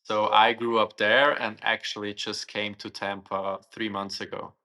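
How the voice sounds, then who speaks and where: A man's voice: lowish voice, level tone, measured pace, pushed and bright. A young man from Switzerland, a guest answering interview questions thoughtfully and searching for his words.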